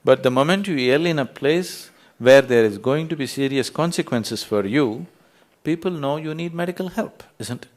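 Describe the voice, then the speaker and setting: A man's voice: medium pitch, lively intonation, moderate pace. Emphatic man asking rhetorical questions. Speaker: spiritual teacher. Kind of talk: spiritual talk to an audience.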